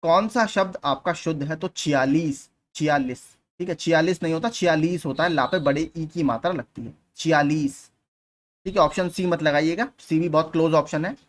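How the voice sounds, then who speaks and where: A man's voice: on the high side, moderate pace. A man teaching exam preparation, going through spelling questions one at a time and patiently repeating the key points.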